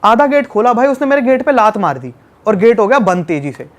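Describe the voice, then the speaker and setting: A man from Delhi, a travel vlogger, telling a road-trip fight story in an animated, casual way. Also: high voice, brisk. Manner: animated, acts out shouting in the retelling. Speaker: travel youtuber guest.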